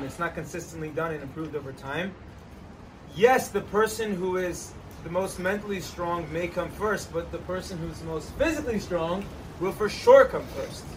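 A man hosting a casual outdoor chat, giving energetic, joking fitness advice beside an ice bath. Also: a little high, fairly quick, recorded from a distance, background noise. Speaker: host, trainer.

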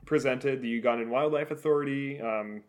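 A man from Oregon co-hosting a podcast, chatting in a relaxed, rambling way with restarts. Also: mid-range voice, moderate pace. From Oregon, USA. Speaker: podcast co-host. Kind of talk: casual chat.

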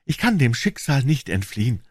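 A man's voice: medium pitch, big pitch swings, moderate pace, a little mellow, dry recording, clean studio sound, pitched above the performer's own voice. A man voicing an anxious, bitter older woman, a former nanny, in a storybook reading. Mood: bitter, grim.

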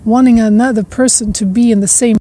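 In a dry recording, a woman with a higher, steady voice hosts a podcast, musing slowly through a long spiritual monologue. Soft laughs and trailing repetitions run through her reflections.

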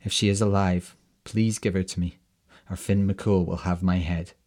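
A man's voice: low voice, steady tone, normal speed, darkish tone, natural voice. A man voicing an earnest pleading warrior.

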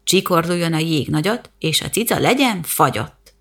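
A woman's voice: low-pitched, expressive, fairly bright tone, heavily acted. A woman voicing a cranky, bossy old witch who scolds and chants rhyming spells in a storybook reading. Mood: scheming, chanting.

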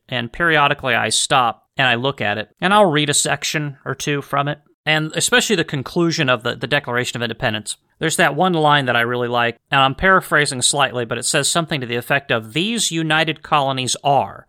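An American man talks in a slightly high, bright and pressing voice with a very dry, close sound. He offers opinionated solo podcast commentary, earnest and emphatic, circling back on phrases to stress them. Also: dry recording. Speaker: history podcast host.

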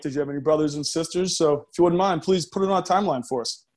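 Man hosting, slightly high voice. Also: a little mellow. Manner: measured and formal. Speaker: podcast host. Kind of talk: scripted introduction and interview.

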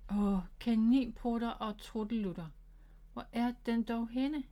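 A woman's voice: fairly high pitch, fairly even intonation, warm tone, natural voice. A woman voicing an eager young boy rabbit who is learning magic, in a storybook read-aloud.

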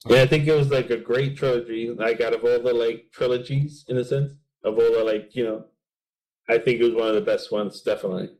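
A man co-hosting a laid-back podcast, rambling through his points with endless fillers. He keeps slipping into quick acted-out bits of imagined dialogue. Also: medium pitch, steady tone, darkish tone, rough recording. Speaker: podcast co-host. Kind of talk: casual chat.

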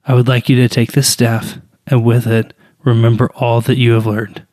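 A man as a calm, fatherly old mentor. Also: medium pitch, moderate pace, dry recording, studio quality, natural voice. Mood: tender. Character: wise, proud older male mentor and father figure.

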